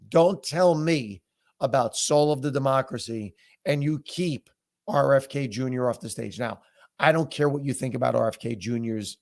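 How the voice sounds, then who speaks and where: A man with a hoarse, sore-throated voice giving a blunt, emphatic opinion monologue to viewers as a political commentator. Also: mid-range voice.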